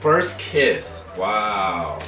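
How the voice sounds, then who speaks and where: A man's voice: lowish voice, sing-song, drawn-out words, pushed and bright, distant mic. A young man vlogger casually telling stories about his life, with a laid-back manner and many "like" fillers. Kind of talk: casual storytelling. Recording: roomy sound from off the mic, music behind.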